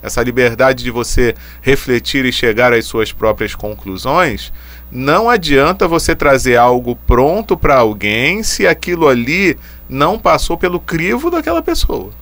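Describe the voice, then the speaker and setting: Man, mid-pitched and animated, reflective talker, lots of tag questions. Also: unhurried. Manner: thinks aloud with hesitant restarts and frequent tag questions. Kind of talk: casual reflective conversation.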